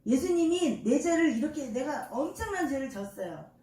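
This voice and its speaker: An older woman pastor preaching in a high voice, tossing questions out to the congregation and answering them herself in a folksy, homely way. She is heard from across a reverberant church, not close to the mic. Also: animated, normal speed, dark tone. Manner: call-and-response, quizzing the congregation. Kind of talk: sermon. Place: church sanctuary. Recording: echoey church from far off.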